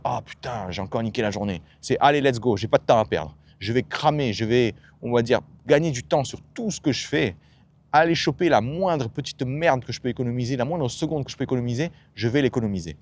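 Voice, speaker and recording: A man's voice: medium pitch, a little mellow. A man giving an emphatic motivational monologue as a self-development coach, asking himself rhetorical questions and dropping blunt slang.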